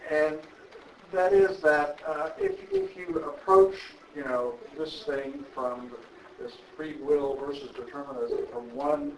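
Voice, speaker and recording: A man's voice: fairly high pitch, wildly swooping pitch, takes it slowly, vocal fry, a little hiss or hum. A man in the audience asking a long, hesitant question from the floor. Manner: rambling, hesitant build-up to the question. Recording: roomy audience mic from a distance.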